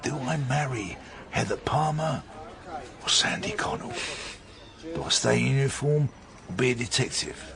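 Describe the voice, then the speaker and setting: A British actor voices a wry, opinionated middle-aged detective in a radio drama, sounding pedantic and insistent with a mock-pompous manner in naturalistic dialogue. His mid-range voice is gravelly and close to an everyday voice, moving at a moderate pace with frequent pauses, while a crowd murmurs in the background.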